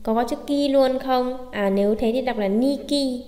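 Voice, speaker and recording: A woman's voice: sits high, moderate pace, mellow. Woman, language teacher, lesson explanation, asks and answers her own questions, reverberant room. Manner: asks questions then answers them herself. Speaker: Japanese teacher.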